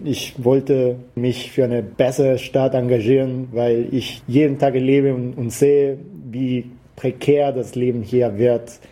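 On a low-quality recording, an activist guest from Costa Rica answers interview questions in German, hesitant, with frequent "äh" fillers and non-native grammar. His dark, mid-range voice barely moves in pitch, and he goes slowly with hardly any pauses.

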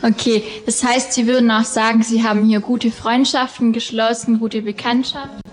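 A woman's voice: a little high, little pitch movement, moderate pace. A woman in her twenties, a student, politely asking interview questions with some hesitation. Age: 20s.

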